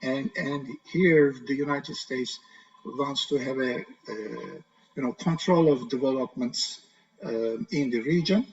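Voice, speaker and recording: A man's voice: mid-range voice, slow pace, a little mellow, distant mic. A male professor on a panel, speaking over a group video call that sounds muffled and breaks up, hesitant with frequent filler sounds. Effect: group video call audio, muffled and breaking up. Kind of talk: panel discussion. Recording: muffled lo-fi call audio from off-mic.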